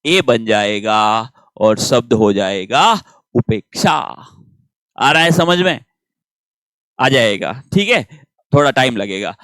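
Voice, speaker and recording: A man's voice: medium pitch, very animated, takes it slowly, pauses often, fairly bright tone, clear, resonant tone, no echo. A man teaching grammar in a patient classroom manner, asking questions and answering them himself.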